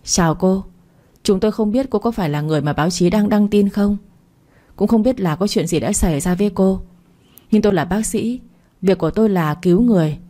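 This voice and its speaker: A woman voicing a calm male doctor who speaks gently and reassuringly. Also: mid-range voice, fairly quick, natural voice.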